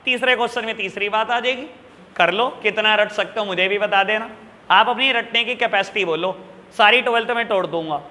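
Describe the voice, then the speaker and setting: A man teaching accounts to a room of students, his voice high and keenly bright. He scolds them in a fatherly way and keeps throwing rhetorical questions at the class. The sound carries a long, echoing reverb from the classroom. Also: fairly quick, a little hiss or hum. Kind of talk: classroom lecture.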